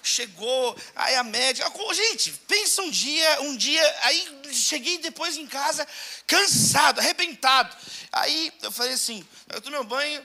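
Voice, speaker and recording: A middle-aged man with a Brazilian Portuguese accent, a pastor preaching a lively sermon full of humorous stories and calls to the congregation. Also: very high-pitched, measured pace. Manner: animated, storytelling, calls out to the congregation.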